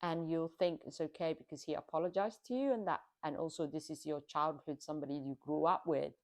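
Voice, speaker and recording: A woman's voice: sits low, a little fast. A woman giving casual, exasperated commentary on a reality TV show, scolding the people on it.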